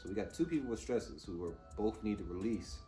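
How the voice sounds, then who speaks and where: A man's voice: fairly low pitch, animated, a little fast, dark tone, faint music behind. A man giving a casual, off-the-cuff TV review, informal and opinionated as he mulls things over aloud. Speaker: host reviewing TV episodes.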